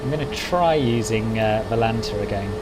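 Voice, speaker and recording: A man's voice: lowish voice, moderate pace. A man giving casual running commentary as he flies a simulator. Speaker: flight simulator streamer. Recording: loud engine and air noise behind.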